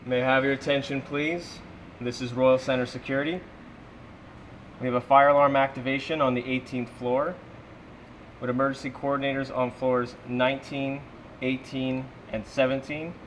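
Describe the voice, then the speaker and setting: A man plays a building security officer delivering an official evacuation order. His announcement is measured and barely varies in pitch. A faint, steady noise sits behind the voice. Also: lightly acted, low-quality recording. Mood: calm, official. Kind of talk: emergency evacuation order over public address.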